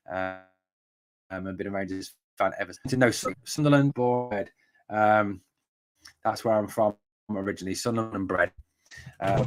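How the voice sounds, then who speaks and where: An English man in his forties from the northeast, hosting a live football podcast from home in a chatty, rambling way full of fillers and tangents. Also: medium pitch. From northeast England. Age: 40s. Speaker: podcast host. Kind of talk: live-stream football chat. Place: room at home.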